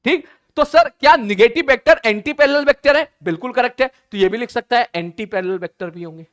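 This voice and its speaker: A man teaching an online physics lesson, talking casually to students, often checking whether they follow and slowing right down to stress key sentences. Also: very high-pitched, fairly bright tone.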